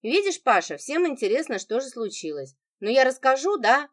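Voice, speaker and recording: Sneering venomous wife in an audiobook, lively and mocking; the woman narrator puts her on. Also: high-pitched, normal speed, voice pushed up. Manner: sarcastic, sneering, biting.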